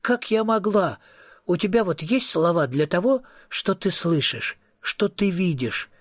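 A husky-voiced man voicing an eager, bossy young female vampire in an audiobook reading. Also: high voice, expressive, unhurried, no room sound, studio quality, voice pushed up. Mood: scolding. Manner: coaxing, teasing.

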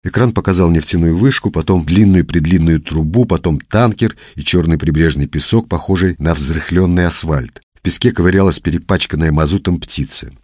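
A man narrating an audiobook in an even, unhurried storytelling manner. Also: sits low, slightly rough, dry recording. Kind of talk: scripted narration.

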